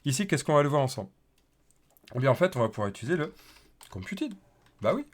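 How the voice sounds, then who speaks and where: A man's voice: mid-range voice, very animated, fast talker. A man teaching a casual live coding tutorial, chatty and thinking aloud with many fillers as he types. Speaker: developer teaching a coding livestream.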